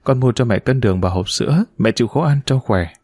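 A gentle, devoted young woman who speaks softly yet pushes back quickly, read by a male narrator in his own voice. The delivery moves through lively pitch, and the sound is dry and close-miked. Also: slightly rough, dry recording. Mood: earnest. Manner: soft-spoken but quick to protest. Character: gentle, devoted young former daughter-in-law.

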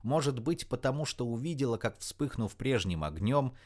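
A man reading an audiobook in an expressive, dramatic narration style. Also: medium pitch, moderate pace.

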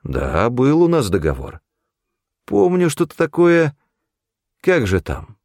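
A man voicing a tough, cynical hunter who snaps and threatens in a gruff, hard way. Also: mid-range voice, wildly swooping pitch, slow, a little mellow, no room sound, clean studio sound, voice pushed up, exaggerated voice. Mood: harsh, angry.

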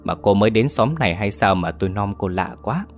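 Man doing a scared elderly woman vendor, pleading, deep low voice, faint music behind. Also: expressive, brisk. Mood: chatty. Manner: pleading, panicky outbursts. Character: frightened old woman cake seller.

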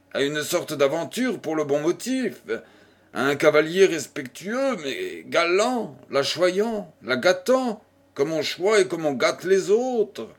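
A man reading a classic novel aloud as an audiobook narrator, in a steady storytelling voice. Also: a little high.

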